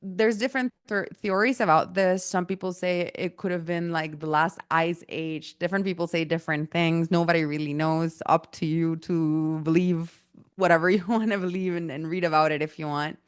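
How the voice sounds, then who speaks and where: A lower-pitched woman leads an online workshop in a loose, chatty way, full of fillers and asides. Her throat is a little irritated. The sound is dry and close. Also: steady tone, normal speed, clean tone, dry recording. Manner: casual, chatty, with many fillers. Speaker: workshop teacher. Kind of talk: online presentation talk.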